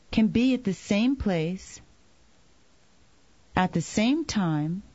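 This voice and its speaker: A woman leading a guided meditation, giving slow, calm instructions. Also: mid-range voice, dry recording, lo-fi sound.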